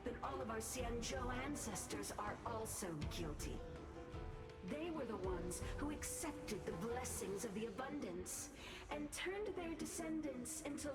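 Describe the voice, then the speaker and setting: A fanatical alchemist villainess from a video game, fairly high in pitch. She speaks with grand, formal defiance. Her voice echoes, and loud music plays underneath. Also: animated, measured pace. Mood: defiant. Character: blind female alchemist, fanatical cult leader, proudly defiant. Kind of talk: scripted video game dialogue.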